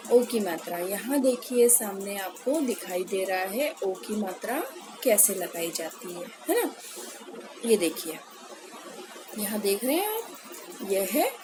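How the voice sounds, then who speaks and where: A woman's voice: medium pitch, background noise. A woman teacher leading a phonics lesson for young children, patiently repeating each word and checking in with the class. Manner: slow, patient, drawn-out repetition of words for children; frequent "है ना" check-ins with pupils. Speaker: primary school Hindi teacher.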